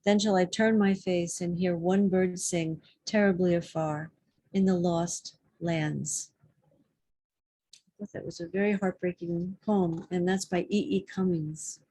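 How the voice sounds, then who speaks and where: A woman giving a poetry reading at a public library, reciting in a measured, deliberate way. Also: lowish voice, steady tone, warm tone, slightly rough, no echo. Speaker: poetry reader.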